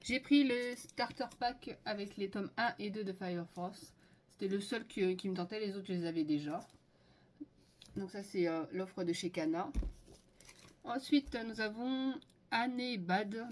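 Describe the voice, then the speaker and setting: Casting note: enthusiastic woman vlogger, mid-pitched, casual and chatty, faint hiss behind. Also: a little slow. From France. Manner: enthusiastic, listing items with many fillers. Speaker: manga haul vlogger. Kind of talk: casual haul video chat.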